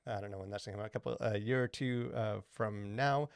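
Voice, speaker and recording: Here a male podcast co-host talks fast in a fairly low, creaky yet smooth voice. He rambles through casual chat, leaning heavily on "like" and "you know," captured in clean studio sound with no echo.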